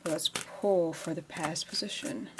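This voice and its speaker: Quiet, low-pitched woman, hushed for night. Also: steady tone, a little slow, noisy background. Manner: quiet, low-key speaking at night, keeping it down for sleeping housemates. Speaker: tarot reader, channel host. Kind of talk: tarot reading, casual spiritual talk. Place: at home.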